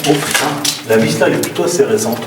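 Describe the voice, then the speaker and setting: A man exploring an abandoned place chats off the cuff, with jokes and swearing. His voice bounces around a big empty hall, some way from the mic, over clear background noise. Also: medium pitch, rapid-fire, distant mic. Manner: joking, swears casually. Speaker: urban explorer taking photos. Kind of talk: casual exploration chat. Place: large empty abandoned building, indoors. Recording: echoey empty building, off mic, noisy.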